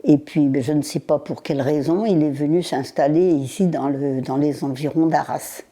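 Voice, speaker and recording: Interviewee, woman in her nineties, low, mellow voice, halting, unhurried recollection. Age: 90s. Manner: halting, with pauses, fillers and repeated words. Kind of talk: recalling her childhood in an interview.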